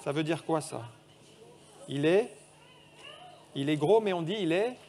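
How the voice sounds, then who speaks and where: High-voiced man preaching in church. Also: animated, a little slow, darkish tone. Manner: engaging, quizzes children with a picture puzzle. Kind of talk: sermon with scripture reading and children's quiz.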